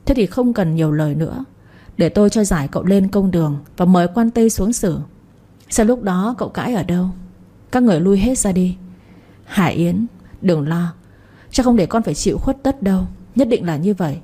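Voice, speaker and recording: A powerful older magistrate, voiced by a woman issues cold, measured threats. His speech is commanding and menacing. The voice is dark and husky. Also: sits high, expressive.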